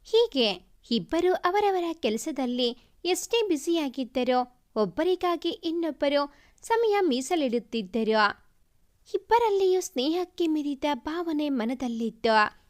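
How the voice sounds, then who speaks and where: High-voiced woman narrating a story. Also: sing-song, unhurried. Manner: first-person storytelling.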